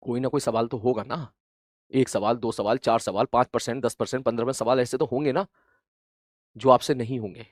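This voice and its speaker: A man teaching students in an earnest, gently scolding motivational talk, repeating points for emphasis and rising loud and high when he urges them on. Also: fairly even intonation, fairly quick, no room sound, clean studio sound. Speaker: coaching teacher.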